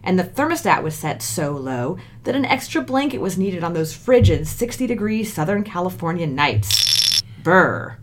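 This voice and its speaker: A woman reads a scripted story in a lowish voice. Her delivery is lively, with her pitch moving widely across each line. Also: moderate pace, a little hiss or hum. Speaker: story narrator. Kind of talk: scripted narration.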